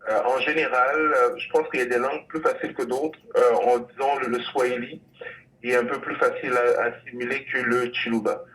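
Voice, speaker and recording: A man from Congo answers a radio host's questions about his language school. He hesitates often and restarts his sentences as he thinks. His voice sits at an everyday pitch and sounds a touch distant from the microphone. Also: fairly even intonation, fairly quick, a bit bright, a little hiss or hum. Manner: hesitant, many fillers and restarts. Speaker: language school director, guest.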